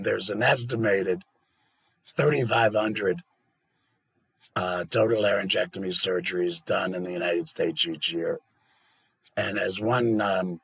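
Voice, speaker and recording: A man speaks with a very rough, gurgling laryngectomy voice, low and gravelly. He explains things informally as a patient educator, in a halting way, stopping to swallow and clear mucus. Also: fairly bright tone, dry recording. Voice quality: gurgling, gargly laryngectomy voice made through esophagus with a valve.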